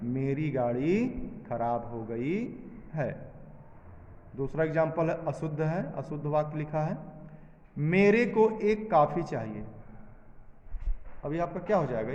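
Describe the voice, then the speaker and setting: A male teacher drills his class through a lesson, posing questions and then answering them himself. His voice is a little high with a darkish tone. The room is echoey with long reverb, and the sound is dull.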